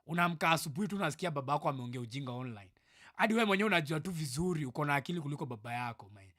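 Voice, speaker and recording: A young Kenyan man in his twenties rants heatedly in a livestream reaction, loud and repetitive, often dropping into mutters. His voice is fairly high, animated and racing, recorded with studio quality and no room sound.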